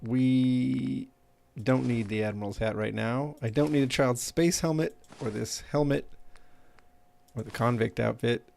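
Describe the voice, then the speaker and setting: A man's voice: medium pitch, steady tone, measured pace, creaky, a little mellow. A man giving casual, self-deprecating gameplay commentary, thinking aloud as he streams. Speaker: game live streamer.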